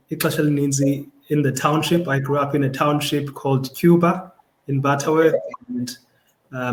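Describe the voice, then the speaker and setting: A man's voice: mid-range voice, slight background noise. South African man, in an echoey room. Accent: South African, Xhosa. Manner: thoughtful, repeats words while searching for them. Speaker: guest. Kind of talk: casual conversation.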